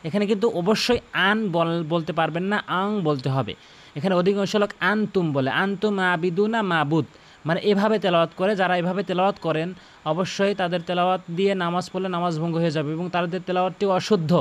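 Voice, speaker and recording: A man teaching correct Quran recitation, slowly repeating words and correcting common mistakes. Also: sits high. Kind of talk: tajweed lesson with demonstrated recitation.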